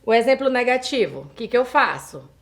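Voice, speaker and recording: A Brazilian woman who teaches English, explaining grammar step by step, reading example sentences slowly and translating them for her students. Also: fairly high pitch, very animated. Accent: Brazilian Portuguese. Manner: addresses students directly, asking them questions. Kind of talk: recorded online school lesson.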